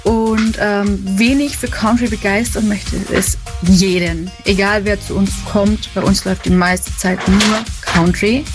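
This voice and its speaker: A woman's voice: medium pitch, steady tone, unhurried, hardly any pauses, over music. A woman speaking casually in a listener testimonial, chatty and hesitant, with many fillers. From Germany. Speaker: listener in station promo.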